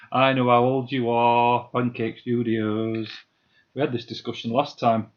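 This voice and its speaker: A man in his fifties talks easily through a live-stream build, half to himself and half to his viewers. His voice sits at an ordinary middle pitch. The sound is a little dull and lo-fi. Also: level tone, unhurried. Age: 50s. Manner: chatty, muttering to himself, reading out viewer comments. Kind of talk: casual live-stream chat while building.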